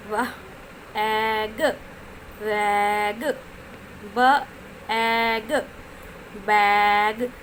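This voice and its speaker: Slow woman sounding out phonics. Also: high voice. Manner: slow, sounding out letters one by one. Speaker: teacher. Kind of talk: phonics lesson for children. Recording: noisy home recording.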